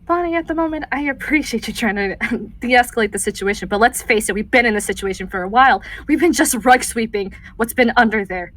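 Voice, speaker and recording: Woman as a high-voiced young space cadet, defensive and snippy, dry close sound. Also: fairly quick, a bit bright, no room sound. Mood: pleading. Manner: defensive, sarcastic. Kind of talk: Minecraft roleplay acting.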